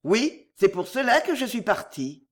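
A reader voicing an aristocratic wife who confesses with an emotional, pleading delivery in an audiobook. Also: female voice, fairly high pitch, sing-song, measured pace. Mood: anguished. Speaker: countess. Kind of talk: audiobook character reading.

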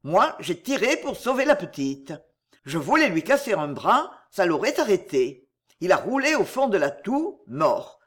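A reader doing a shaken rustic gamekeeper. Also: male voice, sits high, sing-song, unhurried, fairly bright tone, full character voice. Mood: urgent. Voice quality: rural working-class speech. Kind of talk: audiobook character reading.

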